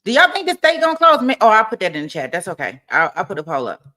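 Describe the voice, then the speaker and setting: Bright-voiced woman chatting casually on a livestream. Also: medium pitch, wildly swooping pitch, quick pace. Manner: colloquial, informal, folksy phrasing. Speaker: livestream host. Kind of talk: casual chat with viewers.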